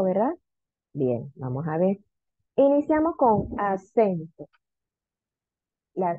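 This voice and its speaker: A woman teacher giving an online lesson, drawing out example words slowly as she repeats them. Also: medium pitch, no echo. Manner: slow, drawn-out repetition of example words. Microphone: video call. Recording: dry, phone-like video call audio.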